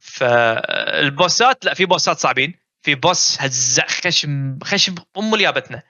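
A man with a Gulf Arabic accent chatting casually as a guest about a game he has played, talking in animated, quick bursts. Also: a little high, no room sound. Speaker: guest gamer. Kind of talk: casual chat.

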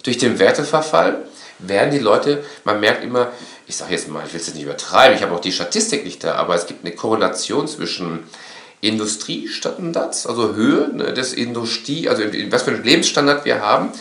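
A man in casual conversation, talking in an animated, rambling way and often tagging his sentences with a questioning "ne". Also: on the low side, brisk. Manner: animated, rambling, frequent tag "ne?". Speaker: course instructor. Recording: echoey room.

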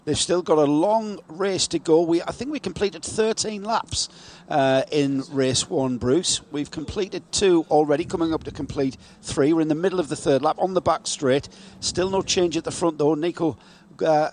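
A man's voice: fairly high pitch, a little mellow, slight background noise. A man commentating live on a motor race, calling the moves as a motorsport commentator.

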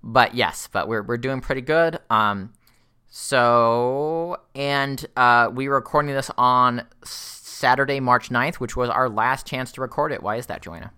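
A man's voice: mid-range voice, a little slow, pushed and bright, smooth. A young man co-hosting a casual podcast chat, rambling with lots of fillers and restarts. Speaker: podcast co-host.

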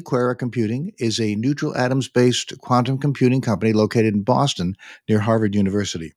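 A man hosting a podcast, introducing his guest and asking questions in a polite, formal, measured way. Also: mid-range voice, a little mellow, no room sound, studio quality. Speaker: podcast host. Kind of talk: scripted interview introduction.

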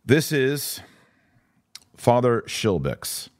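A podcast host with a medium-pitched, sing-song voice draws out his words while offering religious commentary to a live online audience. He speaks emphatically, posing rhetorical questions and acting out imagined objections, in dry, studio-quality sound.

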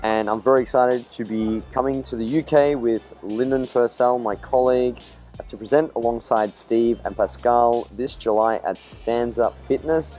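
A man's voice: medium pitch, dark tone. A man hosting a casual podcast interview, upbeat, teasing and chatty. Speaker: podcast host.

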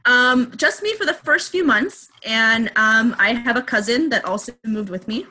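A woman's voice: a little high, expressive, normal speed, bright, forceful tone. A woman speaking candidly as an interview guest, reflective and open, with many fillers and restarts. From Filipino heritage.

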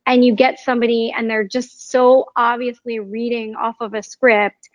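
A woman co-hosting a casual talk show, explaining her view in a measured, thoughtful way. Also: a little high, no room sound. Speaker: podcast co-host. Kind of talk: casual conversation. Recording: dull, dry sound.

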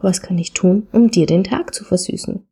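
A woman's voice: medium pitch, moderate pace, breathy edge. Woman quoting a patient, earnest husband. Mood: gentle, earnest. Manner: gentle, steady, repetitive asking. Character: earnest middle-aged husband patiently asking his wife.

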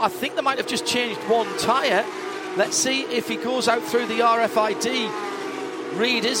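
A man giving live motorsport commentary as lead announcer, calling the action play-by-play and correcting himself as he goes. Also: high voice. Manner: running play-by-play with self-corrections. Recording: loud car and engine noise behind. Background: race cars, trackside ambience.

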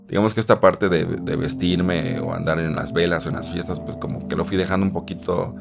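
A young man with a Mexican Spanish accent tells his life story in a chatty, animated way, acting out other people in a high voice. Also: a little fast, vocal fry. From Isthmus of Tehuantepec, Mexico. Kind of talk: personal storytelling. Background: guitar music.

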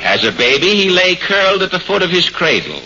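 A man's voice: high voice, very animated, brisk, pushed and bright. A man giving scripted, mock-solemn narration in a 1940s radio comedy. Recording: muffled, hissy 1940s radio recording.

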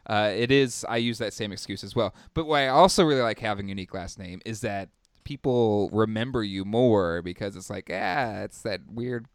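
A man's voice: lowish voice, brisk, few pauses, clean tone, no room sound, studio quality. A man in his thirties co-hosting a casual podcast chat, rambling with lots of fillers. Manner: rambling, filler-heavy, laughs often. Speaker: podcast co-host.

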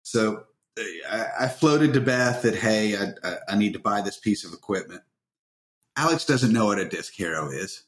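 A man's voice: lowish voice, animated, moderate pace, fairly bright tone, a little hiss or hum. Wry joking man in a roomy echo. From American South. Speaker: podcast co-host. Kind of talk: casual chat.

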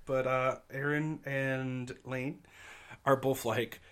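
A man's voice: medium pitch, flat delivery, slow pace, fairly bright tone, smooth. A man running a tabletop game as game master. He narrates casually, laughs often and swears freely.

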